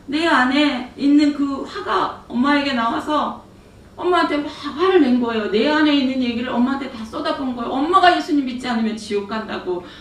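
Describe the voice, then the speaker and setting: A woman giving an earnest testimony sermon, telling a family story and acting out the conversations. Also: on the high side. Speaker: church speaker giving testimony. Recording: roomy echo from a distant mic, faint hum.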